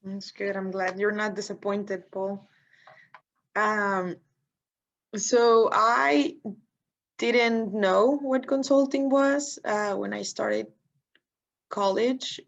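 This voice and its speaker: A young woman in her twenties, speaking friendly and thoughtfully as a guest on a webinar panel over a video call. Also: mid-range voice. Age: 20s. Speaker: guest consultant. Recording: dull lo-fi video call audio.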